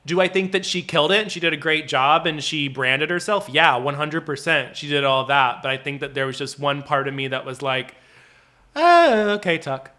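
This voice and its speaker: A man's voice: fairly high pitch, fairly even intonation, brisk, hardly any pauses, bright, forceful tone. A man co-hosting a casual review chat, talking in a chatty, loose way full of "like" and quoted asides. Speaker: reality show review co-host.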